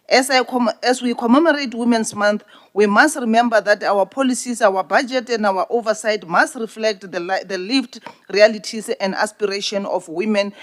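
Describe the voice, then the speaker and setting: Woman, South African accent, medium pitch, committee chair, formal ceremonial parliamentary speech.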